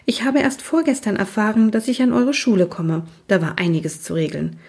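A woman voicing a quirky, cheerful female teacher from Scotland who speaks playfully and mysteriously, with slow dramatic pauses and a breathy voice. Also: mid-range voice, darkish tone.

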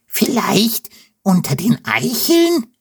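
A man voicing a headstrong young wild-boar princess in a squeaky, squealing voice for a storybook reading. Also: wildly swooping pitch, slow, husky, full character voice. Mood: eager.

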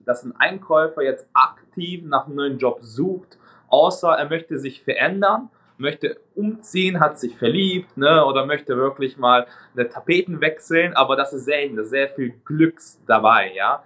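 A man's voice: fairly high pitch, moderate pace, bright, forceful tone. A young man from Hungary with a Hungarian accent, speaking fluent but non-native German as an interview guest, often adding tag words. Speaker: interview guest, agency co-founder. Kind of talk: casual interview talk.

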